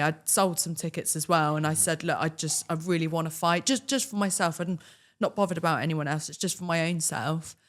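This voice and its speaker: A young woman, a podcast guest telling casual stories with quoted dialogue and frequent laughs. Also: deep voice. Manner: lively, laughs often, acts out quoted dialogue. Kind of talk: casual storytelling.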